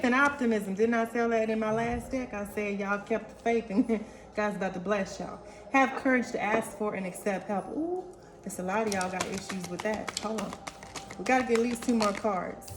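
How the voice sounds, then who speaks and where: Female oracle reader, playful and lively, faint background music. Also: medium pitch. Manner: animated, playful, calls viewers honey and y'all. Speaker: intuitive oracle card reader. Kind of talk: casual tarot-style card reading.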